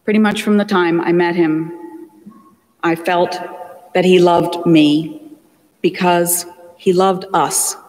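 A man preaches a funeral homily from the pulpit of a large church, his voice fairly high for a man. He speaks slowly and solemnly, pausing between phrases. Long church reverb trails every word. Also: fairly even intonation, a little mellow. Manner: slow, measured, solemn delivery with deliberate pauses. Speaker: priest. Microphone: distant pulpit mic, far camera.

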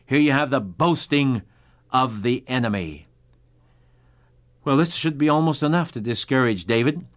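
Male radio Bible teacher, emphatic sermon delivery, quotes scripture often. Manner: emphatic, with sudden pitch rises and slow, drawn-out stresses; reads scripture aloud in old-fashioned wording.

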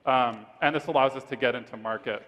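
A man pitching his startup on stage, then answering judges' questions in a steady, rehearsed way. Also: a little fast. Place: large event hall stage. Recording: reverberant conference hall.

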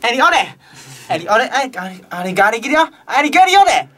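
A young man with a high, lively voice puts on a fake foreign language, groping through exaggerated gibberish. He is caught on a distant mic with people around him. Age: young adult. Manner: halting, exaggerated imitation of foreign speech.

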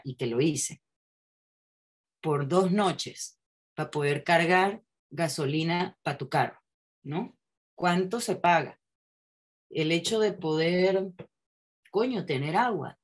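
Woman, low voice, candid podcast guest talk, casual swearing. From Mexico. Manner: candid, frequent tag questions, restarts and swearing. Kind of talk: casual conversational chat.

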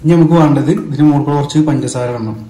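A man's voice: mid-range voice, quick pace, music in the background. A man with a northern Kerala Malabar accent chats casually to viewers as he cooks, mixing English words and catchphrases into his Malayalam. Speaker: cooking vlogger. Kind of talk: casual chat to viewers while cooking. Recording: roomy, echoing indoor sound.

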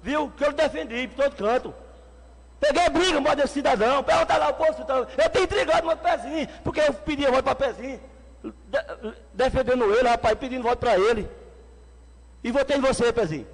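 A city councilman in his forties, with a Pernambuco Brazilian Portuguese accent, shouts an angry speech into a desk microphone on a stand in an indoor council chamber. His voice is extremely high-pitched and a little fast, and the hall adds a long reverb.

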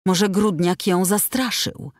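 A woman's voice: mid-range voice, slow pace, no echo, studio quality, pitched above the performer's own voice, close to an everyday voice. A woman reading an audiobook, voicing an indignant, outspoken working woman who speaks in a heated, accusing, insistent way. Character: indignant middle-aged woman worker, outspoken. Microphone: close studio mic.

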